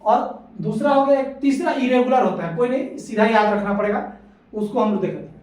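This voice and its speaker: A high-pitched man teaches English grammar, repeating each rule and asking questions of his students. His voice is heard from a distance in a strongly echoing room, far from the mic. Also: lively intonation, fairly quick, darkish tone. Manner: patient, repeats points and asks the class questions. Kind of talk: classroom lesson.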